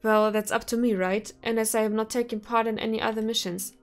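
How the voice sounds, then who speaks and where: An angry young male scientist pushes back in short, defiant bursts, as a woman reads him aloud. The delivery stays fairly flat in pitch, with soft music playing underneath. It is a visual novel being read to an audience. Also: a little fast, close to an everyday voice. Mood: furious. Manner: sharp, defiant outbursts.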